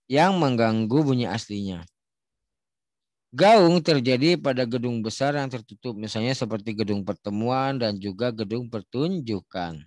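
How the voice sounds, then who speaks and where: A man explains a lesson in a casual, chatty way. His voice sits at an ordinary middle pitch. The recording is dry and close, with no room echo. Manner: demonstrates echoes by shouting and imitating sounds. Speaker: teacher.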